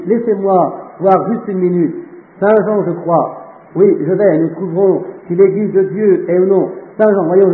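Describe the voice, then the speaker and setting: A man preaching a sermon, fervent and slowing down to stress phrases, reading scripture aloud between remarks. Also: sits high. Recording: echoey, tinny phone-like audio.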